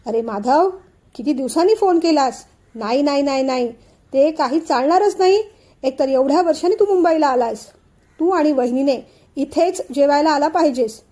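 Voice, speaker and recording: A woman's voice: high voice, expressive, moderate pace, warm tone. A woman voicing a cheerful older father who insists on inviting guests, read in a storybook telling. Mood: hearty. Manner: hearty, insistent host.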